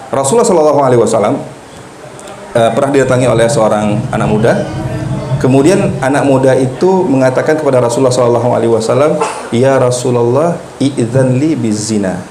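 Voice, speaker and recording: A man of middling pitch gives a religious lecture to a room of teachers. He puts questions to them and answers them himself, with light jokes along the way. His voice carries an echo off the room, and a faint hiss sits underneath. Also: dark tone. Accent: Indonesian. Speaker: Islamic teacher giving a workshop to teachers. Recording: echoey room with faint noise.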